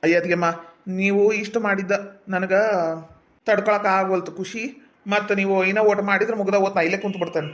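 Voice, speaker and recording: A man's voice: high voice, fairly even intonation, fast talker, dull audio. A man with a North Karnataka accent, talking politely and sentimentally as a visiting brother-in-law in a comedy sketch.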